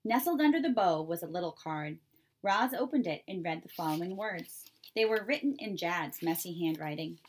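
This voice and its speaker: A woman reading a children's chapter book aloud in a clear, steady storytelling manner. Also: lowish voice, moderate pace. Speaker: reader.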